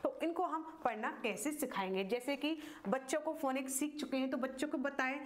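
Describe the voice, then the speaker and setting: A woman teaches phonics to parents in a high, bright voice. She explains each step patiently and stretches every letter sound out slowly.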